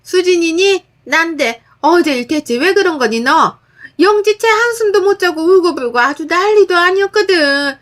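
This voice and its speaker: A woman voicing a shrill, scolding older mother-in-law in a storytelling video. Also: expressive, moderate pace, fairly bright tone.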